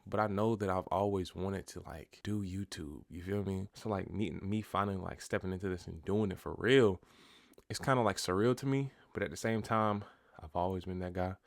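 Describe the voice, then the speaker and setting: A young man talking casually to camera at home in a vlog, a little out of breath, with a relaxed, slangy, rambling delivery. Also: low voice, moderate pace, gravelly, dry recording, studio quality. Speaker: vlogger. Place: indoors at home.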